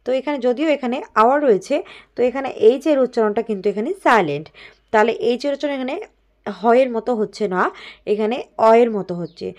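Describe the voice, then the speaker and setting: A woman teacher, explaining grammar answers step by step and reading example sentences out slowly. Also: a little high. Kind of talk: exam-prep grammar lesson.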